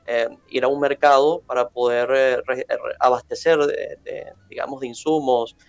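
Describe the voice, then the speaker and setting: A man, answering interview questions in a measured, formal way with many fillers. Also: mid-range voice, fairly even intonation, creaky, no room sound, muffled recording. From Venezuela. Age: 20s. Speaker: interview guest.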